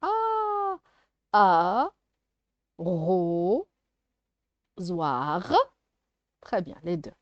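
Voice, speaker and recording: A woman teaching a young child to hear a letter sound, going very slowly and breaking words into syllables. Her pitch swings a lot as she stresses each sound. The recording is dry and close. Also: a little mellow, clear, resonant tone, dry recording, dull audio. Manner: slow, patient, sounds out syllables. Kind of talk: first-grade phonics lesson.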